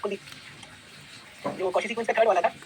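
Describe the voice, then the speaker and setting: A man's voice: sits high, fairly even intonation, quick pace, slight background noise, rough recording. A man teaching a university math class, explaining proofs and quizzing his students with repeated questions. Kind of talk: classroom lecture, mixing Hindi and English.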